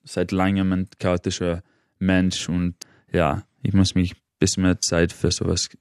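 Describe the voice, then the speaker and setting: A man in his thirties from England, with English as his first language, speaking German as a studio guest in an energetic, halting way, stopping to search for words. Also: low voice, clear, resonant tone, dry recording. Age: 30s. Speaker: guest, motivational trainer. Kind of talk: interview answers. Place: radio studio.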